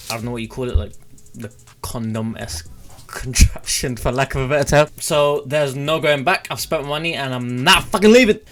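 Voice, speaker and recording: Indoors in a small room at home, a twenties-aged British vlogger spins casual stories to camera in a chatty, mildly sweary way. He speaks close into a boom-arm desk mic with a foam cover, and his medium-pitched voice is a bit bright.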